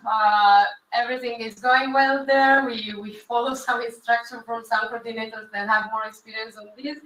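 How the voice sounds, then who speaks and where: Bright-voiced woman host in an echoey hall. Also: fairly high pitch, recorded from a distance, slight background noise. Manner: hesitant, repeats words, non-native phrasing. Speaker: awards ceremony host. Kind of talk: live-streamed awards presentation.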